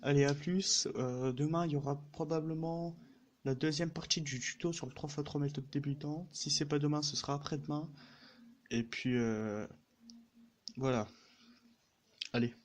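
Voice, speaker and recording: A man's voice: a little high, steady tone, moderate pace, long pauses. A man from France introducing his speedcubing channel in a casual talk, hesitating often and correcting himself. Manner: hesitant, with frequent fillers and self-corrections. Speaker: speedcubing YouTuber.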